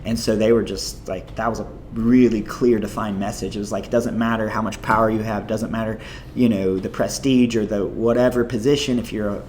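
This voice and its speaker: A man, a missionary guest, telling stories in an interview in an animated, chatty way full of "like" and "you know". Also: lowish voice, a little hiss or hum. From United States. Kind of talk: storytelling interview.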